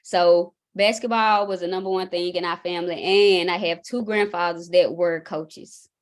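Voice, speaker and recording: A woman's voice: on the low side, normal speed. A young woman from Mississippi with a Southern accent, chatting casually about herself as an interview guest and basketball coach. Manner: relaxed, chatty, folksy.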